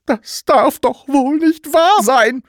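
Shrill bossy landlady voiced by a man, scolding, high squawking pitch, wild swoops, storybook reading. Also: huge pitch swings, moderate pace, a bit bright, slightly rough, no echo, studio quality, full character voice. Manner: scolding, shrieking outbursts.

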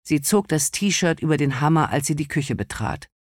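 A male audiobook narrator who reads a novel in a calm, measured way. His voice sits slightly high for a man, and the recording is dry and close, with no room sound. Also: dry recording. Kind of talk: scripted narration.

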